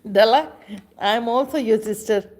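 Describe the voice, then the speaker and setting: A woman, chatting casually with viewers on a livestream in slow, halting speech with many pauses. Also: a little high, darkish tone. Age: 50s. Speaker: livestream host. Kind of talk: casual live chat with viewers.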